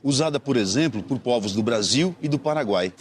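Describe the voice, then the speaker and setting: A man narrating an educational documentary in a measured, scripted delivery. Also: mid-range voice, expressive, noisy background.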